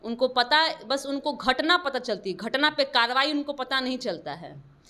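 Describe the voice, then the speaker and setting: A woman's voice: sits high, lively intonation, moderate pace, pushed and bright. A woman party spokesperson answering interview questions in a combative way, rebutting her opponents and lecturing them.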